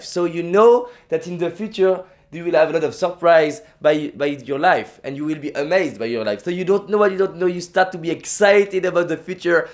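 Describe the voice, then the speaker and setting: A young Frenchman, speaking English with a French accent as a native French speaker, delivers an emphatic motivational vlog talk packed with repetition and restarts. His voice sits a little high.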